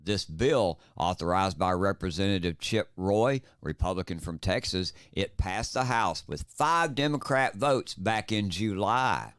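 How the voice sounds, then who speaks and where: A man co-hosting a political talk podcast. His voice sits on the low side and sounds smooth and resonant, recorded dry and close. He argues with emphatic, impassioned force. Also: animated, measured pace, few pauses, a bit bright, no room sound. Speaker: podcast co-host.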